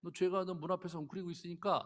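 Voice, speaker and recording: A man's voice: sits high, flat delivery, racing, pitched above the performer's own voice, close to an everyday voice. A man preacher voicing God as a blunt, fatherly figure giving a raised warning, in a church hall with a long reverb.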